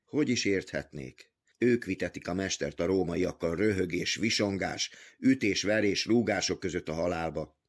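A man reading a literary novel aloud as an audiobook, with measured, even storytelling. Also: low-pitched. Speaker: audiobook reader.

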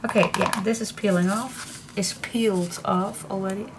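Working at a craft table indoors, a middle-aged woman from the Netherlands chats her way through a hands-on demonstration, frequently muttering to herself, her Dutch accent evident. She speaks at normal speed in a steady, mid-range voice, and there's noticeable noise in the room.

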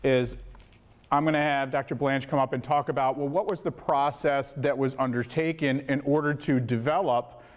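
A man with a loud, booming teacher voice, leading a school board workshop on a lapel mic and putting questions to the room. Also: moderate pace. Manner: gets louder when animated, asks the room questions. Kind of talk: interactive presentation to a meeting.

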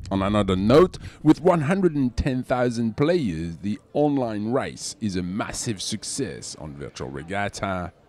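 A man with a French accent, reading scripted sailing news as the show's presenter in a measured, dramatic voice-over. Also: fairly low pitch, sing-song, a little mellow. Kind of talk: scripted sports news narration.

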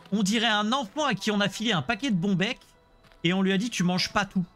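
A man's voice: high-pitched, a bit bright. A man streaming a Let's Play, chatting casually about the game and joking with his viewers. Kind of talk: casual gameplay commentary.

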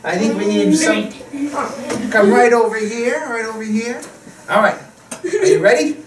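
A man's voice: sits high, a little slow, over a noisy crowd. Kids' party magician man, echoey and distant. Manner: playful, teasing, encouraging the helpers. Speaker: magician and presenter. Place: school classroom. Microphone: distant camera. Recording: echoey, distant, noisy room.

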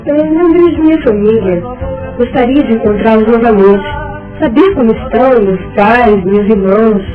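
An actress playing a sorrowful but determined young Brazilian widow with earnest, emotional delivery, in old radio show melodrama. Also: female voice, a little high, normal speed, recorded from a distance, natural voice. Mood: wistful. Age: young adult. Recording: dull remastered old radio recording, music behind.

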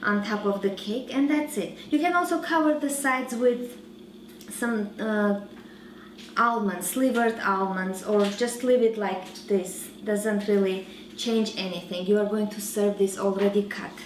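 A woman in her thirties hosting a home cooking show, giving slow, relaxed instructions with frequent fillers while she works. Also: medium pitch, reverberant, slight background noise, poor audio. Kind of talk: cooking demonstration. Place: large home kitchen.

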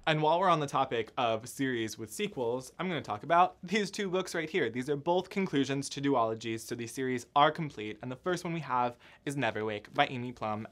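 A man's voice: medium pitch, fairly bright tone. A young man hosting a casual book haul vlog, chatty and upbeat, cracking self-mocking jokes while filming alone indoors. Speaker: book vlogger.

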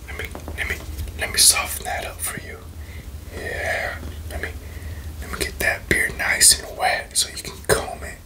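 A young man doing a playful, teasing whispered role-play for ASMR, breathy and close to the mic, with tingly wet mouth sounds. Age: young adult. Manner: playful, teasing, slow murmured repetitions. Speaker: ASMR video creator. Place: small bedroom, indoors. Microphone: close desk microphone in front of him.

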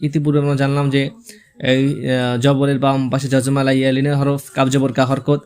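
A man teaching Quran reading step by step, spelling out letters and vowel marks, then reciting the words slowly. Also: mid-range voice, completely flat delivery, a little mellow, clean tone.

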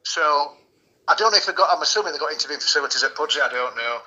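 A man's voice: fairly high pitch, animated, racing, pushed and bright, lo-fi sound. A man, a police constable chatting in an easy-going, slightly hesitant way over a phone speaker. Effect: telephone speaker. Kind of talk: informal phone conversation.

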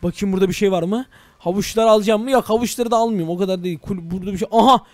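A young man narrating a Minecraft let's-play to his viewers, excitable and full of exclamations. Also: high voice, rapid-fire, no echo. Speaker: gaming YouTuber.

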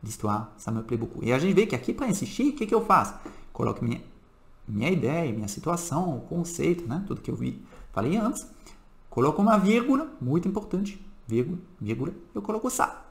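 Guy teaching, really animated up-and-down voice, kinda echoey room. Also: on the high side, a little fast, creaky. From France. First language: French. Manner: animated, emphatic teacher's delivery. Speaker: French teacher. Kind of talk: language lesson.

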